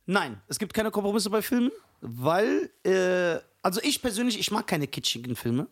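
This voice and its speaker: Animated high-voiced man telling stories. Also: moderate pace. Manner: animated, emphatic storytelling. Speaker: podcast co-host. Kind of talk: casual chat.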